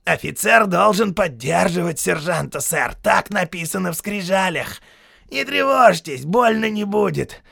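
A man voicing a crazed, murderous army sergeant who is fawning and sneering, with a shrill, barking delivery. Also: expressive, unhurried, vocal fry, fairly bright tone, no echo, studio quality, full character voice. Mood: manic.

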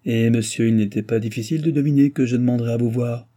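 Man voicing grave sorcerer, solemn, menacing, dark husky tone, audiobook. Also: medium pitch, steady tone, fast talker, close to an everyday voice.

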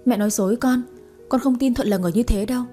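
A woman's voice: on the high side, fast, warm tone, faint music behind, natural voice. A woman voicing a frightened daughter of about twenty who speaks meekly and pleads. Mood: pleading. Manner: meek, pleading.

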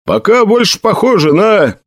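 A man's voice: high-pitched, big pitch swings, normal speed, a bit bright, no echo, voice pushed up, full character voice. Man doing a brash soldier aide. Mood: alarmed.

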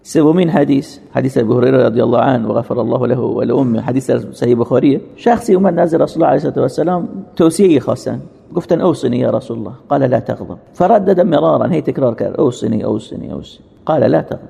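With a medium-pitched, creaky voice that is mellow yet husky, a religious teacher speaks earnestly in a sermon-like lecture. He raises rhetorical questions and supplies the answers, and the room carries a long hall reverb.

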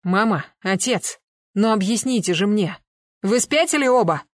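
A reader voicing a shaken, bewildered son whose questions come out high and plaintive. the sound is close and dry. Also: male voice, lively intonation, moderate pace, dry recording. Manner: plaintive, crying out. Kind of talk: audiobook dialogue.

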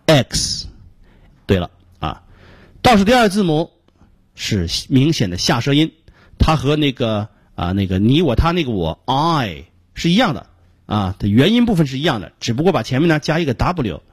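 A middle-aged man with a Beijing Mandarin accent teaches pronunciation on the radio, his slightly husky voice sounding dry and close to the mic with no room sound. He explains patiently, demonstrating sounds slowly and repeating them, with small filler sounds between phrases and a pitch that moves up and down a lot.

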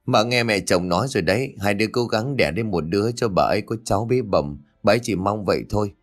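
A man's voice: fairly low pitch, lively intonation, fast, soft background music, natural voice. A man playing a dignified governor's wife. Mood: placating.

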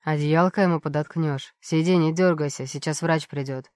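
A woman voicing a rough, mocking male prison guard in a dry, close audiobook reading. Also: sits low, fairly even intonation, normal speed, darkish tone, no room sound, voice pushed down, lightly acted. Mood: scornful. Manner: gruff, insulting, mocking.

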